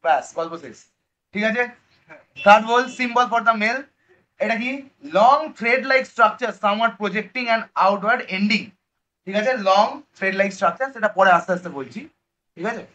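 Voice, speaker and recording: A man's voice: sits high, normal speed, bright, forceful tone. A male biology teacher with a Bengali accent, giving an online class lecture in a casual way. He quizzes his students, answers his own questions and drops English terms into his speech. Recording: dull lo-fi recording.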